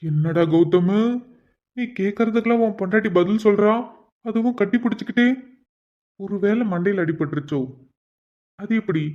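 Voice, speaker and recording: A man's voice: high voice, moderate pace, pauses often, a little mellow, lightly acted. A man voicing a teasing young husband and father in a cartoon, chatty and full of joking asides. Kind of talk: cartoon voice acting. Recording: dull lo-fi recording.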